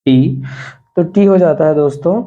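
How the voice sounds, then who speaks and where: A man teaching an English pronunciation lesson, explaining slowly, repeating words for emphasis and often clearing his throat. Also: a little high, mellow, highs cut off. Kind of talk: spoken language lesson.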